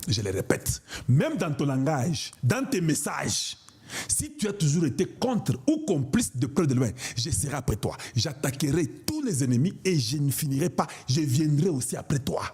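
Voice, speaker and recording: A man's voice: fairly high pitch, very animated, moderate pace, darkish tone, breathy edge. A man from Congo, giving an impassioned political monologue in an emphatic, declamatory way and repeating himself for emphasis. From Congo (DRC). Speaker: online political commentator.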